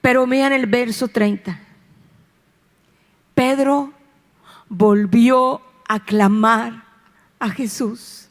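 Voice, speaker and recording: High-voiced woman pastor preaching. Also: steady tone, very slow, long pauses. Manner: impassioned, repetitive, rhetorical questions. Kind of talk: preaching a sermon. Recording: long reverb of a church hall.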